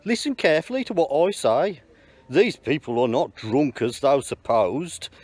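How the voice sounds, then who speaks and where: A man's voice: a little high, expressive, normal speed, a little mellow, no echo. A man reading the part of the apostle Peter, proclaiming earnestly to a crowd, with small slips. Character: Peter, bold male apostle addressing a crowd. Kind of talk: church Bible reading in parts.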